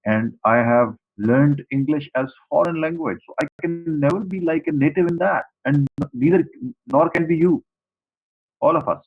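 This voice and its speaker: Over phone-quality sound, a husky, slightly high male voice at normal speed lectures students online. He is a university lecturer from Pakistan who speaks Saraiki natively and has a Pakistani accent, and he explains things to students directly, repeating himself as he goes.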